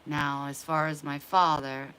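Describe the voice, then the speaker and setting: A woman's voice: deep voice, little pitch movement, measured pace, a bit bright, a little hiss or hum, low-quality recording. A woman vlogging at home, rambling candidly and confiding in her viewers. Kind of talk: casual chat to camera.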